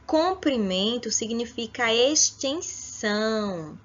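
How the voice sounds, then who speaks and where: A woman teaching an online school lesson, slowly explaining words and calling her pupils her dears. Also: fairly high pitch, animated, muffled recording. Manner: slow, explanatory, affectionate asides to pupils.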